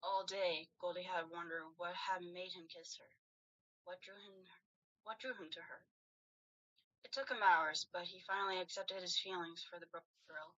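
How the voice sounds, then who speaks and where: A woman host reading fanfiction aloud with lively narration. Her voice is fairly low but bright and forceful. The recording is dull and lo-fi.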